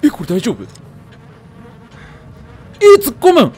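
A man's voice: very high voice, huge pitch swings, slow pace, a little mellow. A man with a Kansai accent commenting on a horror game he plays, letting out startled yelps and joking curses. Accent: Kansai Japanese. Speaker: gamer.

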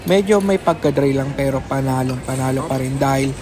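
A man's voice: medium pitch, fairly quick. A man with a Filipino accent giving a casual food review with his mouth full of food, chatting to his viewers. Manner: chatty, repeatedly addresses viewers. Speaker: food vlogger. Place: restaurant.

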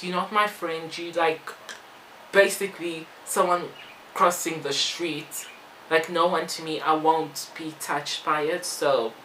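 With a fairly low, bright and forceful voice, this Belgian-born vlogger who moved to South Africa keeps up informal, wandering chatter while doing her makeup for a tutorial and Q&A. The small, bare-walled indoor room makes the audio echoey, and some background noise comes through.

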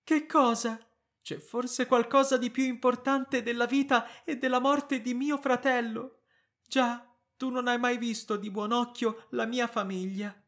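A man voicing a distraught, indignant middle-aged wife in an audiobook reading, with a shrill, insistent manner. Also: flat delivery, measured pace, a bit bright, exaggerated voice. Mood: frantic.

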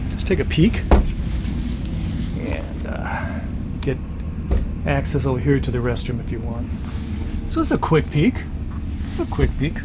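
A man's voice: sing-song, a little slow, long pauses. A man giving a casual walking tour of RV trailers on a dealer lot, talking offhand with lots of "uh"s. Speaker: RV vlogger. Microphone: handheld or body camera. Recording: outdoor camera audio with traffic noise. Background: highway traffic noise.

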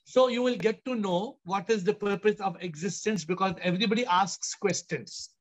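Speaking at a normal pace in a voice that sits high, this Indian-accented man in his fifties acts as host and spiritual teacher. He leads a Q&A-style spiritual discussion, pressing his points with emphatic rhetorical questions that he repeats. It's captured over a video call with dull, compressed sound.

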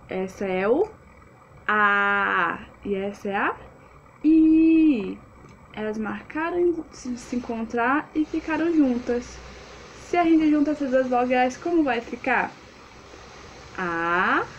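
A woman with a Brazilian accent, a kindergarten teacher giving an online class to small children, speaking slowly and drawing out words in a sing-song way. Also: a little high, a little mellow, muffled recording, slight background noise. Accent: Brazilian Portuguese.

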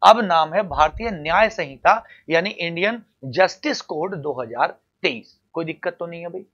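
A man's voice: a little high, animated, moderate pace, a bit bright, muffled recording. A man teaching law to exam students, talking to them directly and calling them "beta" and "champion". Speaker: coaching teacher. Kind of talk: explaining law for exam prep.

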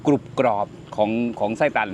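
A man's voice: fairly quick, darkish tone, slight background noise. An older man, hosting a casual cooking vlog and chatting while he tastes the food. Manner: chatty, exclaims over food while tasting. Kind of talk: casual cooking and tasting talk.

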